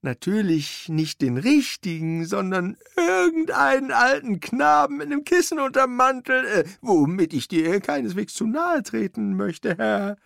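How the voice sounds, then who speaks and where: A narrator putting on the voice of a fussy, servile old manservant in a radio play, talking high and quick. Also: male voice, animated, creaky, a bit bright, no room sound, exaggerated voice. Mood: flustered. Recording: dry studio recording.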